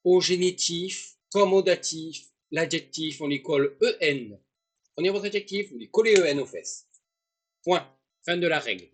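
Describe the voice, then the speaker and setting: A man's voice: a little high, expressive, moderate pace, slightly rough. A man giving a casual, joking online lesson, with rambling asides to his viewers. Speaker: German teacher.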